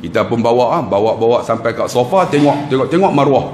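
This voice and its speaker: Malaysian-accented ustaz telling a story in a roomy space. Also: male voice, mid-range voice, fast talker, heavy background noise. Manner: lively anecdotal, acts out dialogue, laughs between lines. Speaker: ustaz, religious speaker. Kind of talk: humorous religious lecture storytelling.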